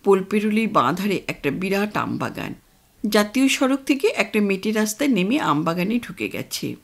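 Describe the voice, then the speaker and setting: A woman narrating an audio story in a gentle, storytelling manner. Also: medium pitch, very animated, normal speed, gravelly.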